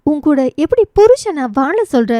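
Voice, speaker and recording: Woman reading the part of a rattled young guy in a storybook romance, pleading, higher voice, mellow. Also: very animated, unhurried, no echo, clean studio sound. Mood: alarmed. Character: young man, anxious, flustered husband-friend.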